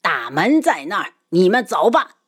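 A woman's voice: lowish voice, very animated, moderate pace, husky. A woman voicing a ruthless, scheming old nobleman who mocks and menaces in an audiobook. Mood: yielding. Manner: sneering, menacing. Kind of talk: audiobook character voice.

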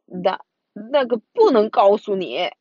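Storybook role: woman playing a flustered toothless monster, husky voice, lo-fi. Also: mid-range voice, huge pitch swings, unhurried, no echo, heavily acted. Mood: startled. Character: toothless horned monster, castle owner, playful.

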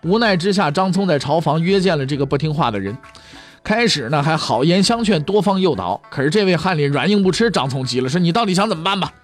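A male storyteller narrating history in a joking pingshu manner, his voice sitting fairly high and leaping all over its range. He keeps tossing rhetorical questions at the audience. Soft music plays faintly under him. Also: a little fast. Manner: lively, jokey asides and rhetorical questions to listeners.

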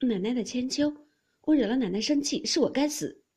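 A woman voicing a young maidservant who speaks humbly and pleadingly, in a breathy voice. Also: sits high, lively intonation, fairly quick, warm tone, voice pushed up. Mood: humble.

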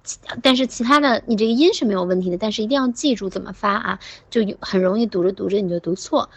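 A woman teaching English pronunciation in an online class, patient, saying words slowly and praising her students. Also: mid-range voice, creaky, slightly rough, no room sound.

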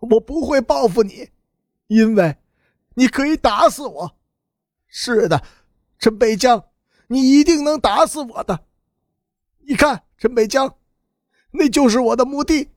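A man's voice: very high-pitched, measured pace, pauses often, no room sound, clean studio sound, voice pushed up. A male narrator voicing a battered man who urgently pleads to be beaten. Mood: earnest. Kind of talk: audiobook narration.

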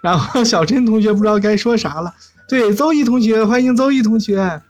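A woman's voice: a little high, fairly quick, a little mellow. A woman hosting a live chat show in a casual, chatty and giggly way. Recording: music bed behind the voice.

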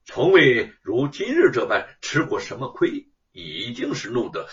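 Slow, sing-song male storyteller. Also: medium pitch, sing-song, a bit bright. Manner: dramatic, sing-song narration. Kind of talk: traditional storytelling. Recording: dull recording from far off.

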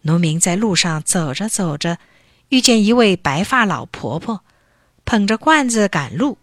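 A woman narrating a children's folk tale with an expressive storybook delivery. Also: mid-range voice, unhurried, no room sound, studio quality.

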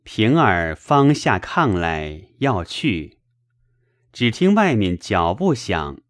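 Male narrator for classic novel: very deep, slow, expressive pitch, dry sound. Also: dry recording. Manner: measured storytelling. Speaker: audiobook narrator.

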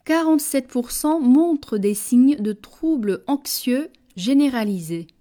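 A woman reading a French dictation slowly, saying each phrase twice and speaking the punctuation aloud. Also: animated, mellow. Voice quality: measured, deliberate, dropping low on punctuation words. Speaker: dictation reader.

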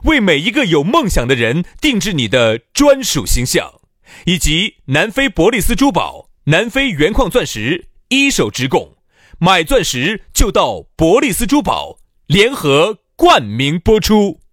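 A man's voice: high-pitched, huge pitch swings, measured pace, a bit bright, no echo, clean studio sound. A man reading a scripted promotional announcement as a sponsor announcer.

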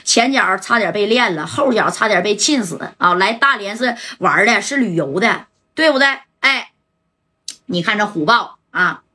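A woman's voice: mid-range voice, lively intonation, moderate pace, bright, forceful tone. A woman telling a crime story, with chatty asides to the listener.

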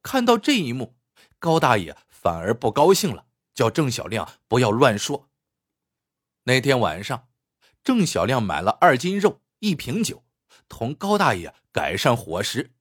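A man tells a story in a husky voice. His pitch swings up and down as he narrates, which keeps it animated. He speaks at a middle pitch for a man. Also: measured pace.

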